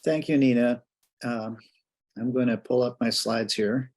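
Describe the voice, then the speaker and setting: A man's voice: medium pitch, steady tone, unhurried, darkish tone. A man from Washington State giving a slide presentation as a physician and academic, with hesitant, conversational phrasing. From Washington State, United States.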